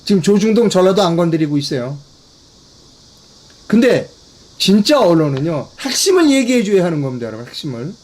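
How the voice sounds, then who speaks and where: A man's voice: sits high, very animated, a little fast, pauses often, darkish tone, a little hiss or hum. A man hosting a political commentary broadcast in Korean, talking emphatically, repeating key phrases and addressing his viewers directly. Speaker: commentary channel host.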